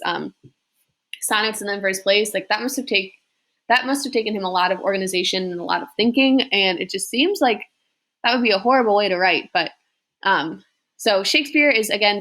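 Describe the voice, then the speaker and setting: A young adult woman teaching a casual lesson, reading verse slowly and explaining it in a chatty way full of fillers. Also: mid-range voice, a bit bright. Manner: slow, deliberate reading of verse.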